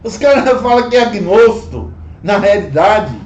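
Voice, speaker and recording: A Brazilian man teaching a livestreamed Bible study, slow and emphatic, repeating phrases and calling listeners brothers. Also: high-pitched, lively intonation, a little mellow. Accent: Brazilian Portuguese. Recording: echoey room, dull lo-fi sound.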